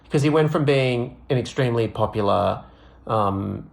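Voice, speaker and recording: Aussie woman cohost, really really low gravelly voice, just casual chatting. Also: normal speed, a little mellow. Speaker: podcast co-host. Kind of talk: casual chat.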